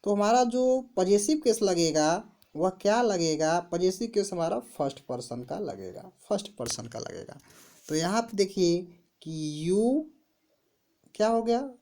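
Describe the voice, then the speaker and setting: A woman teaching a grammar lesson, who asks questions and answers them herself, repeats key words and reads example sentences very slowly. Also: medium pitch, expressive, dark tone. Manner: slow, repeats answers to her own questions.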